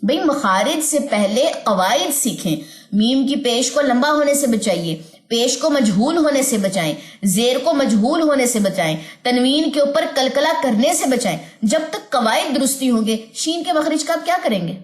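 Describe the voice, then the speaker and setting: A woman teaching an online recitation lesson, patiently drilling sounds slowly and repeating them many times. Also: high voice, lively intonation, roomy sound.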